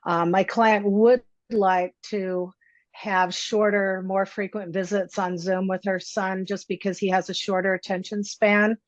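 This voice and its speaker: A woman speaking as an attorney in a courtroom recording, explaining her client's position to a judge with hesitant pauses. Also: mid-range voice, little pitch movement, no echo. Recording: dry, dull lo-fi courtroom audio.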